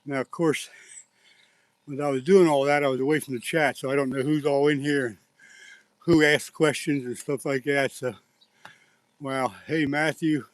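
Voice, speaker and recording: A man livestreaming a catch from a riverbank outdoors, excited and out of breath, exclaiming often. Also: mid-range voice, moderate pace, long pauses, no echo. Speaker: fishing livestreamer. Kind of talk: live fishing stream chat.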